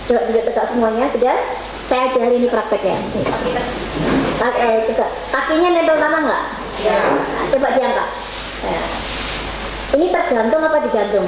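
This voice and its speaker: Over a noisy crowd in an echoey government office meeting room, a middle-aged woman gives a chatty, interactive religious talk to women at a study session. Her pitch is fairly high, her speed normal, and she leaves long pauses while quizzing the audience and drifting into Javanese.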